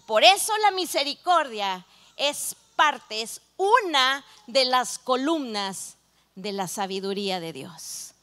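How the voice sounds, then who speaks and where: A woman with a Mexican Spanish accent, preaching a sermon as pastor in a measured way. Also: high-pitched, lively intonation, bright, forceful tone.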